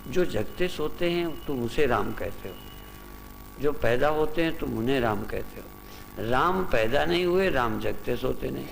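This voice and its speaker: A spiritual teacher giving a talk to a gathered group, then leading them through a breathing exercise with repeated short instructions. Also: male voice, mid-range voice, animated, a little slow, creaky. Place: large hall with a gathered audience. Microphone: loudspeaker microphone. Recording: long reverb in a hall, faint noise.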